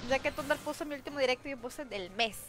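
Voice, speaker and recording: With clear game music underneath, a young woman live-streams from home at a quick pace in a high voice. She chats casually, thanks her viewers and reads their messages out loud, giggling frequently.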